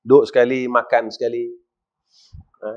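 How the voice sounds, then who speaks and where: A middle-aged man with a northern Malaysian accent giving a mosque lecture, asking the audience questions and swinging between loud and quiet. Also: medium pitch, flat delivery, moderate pace. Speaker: religious teacher. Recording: dull lo-fi recording.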